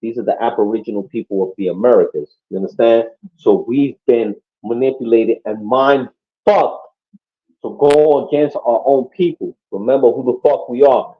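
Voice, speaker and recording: Heard through muffled lo-fi sound, a man from Puerto Rico chats on his podcast at a normal speed in a medium-pitched voice. He curses often, speaks with emphasis, and keeps asking his audience "you know what I mean."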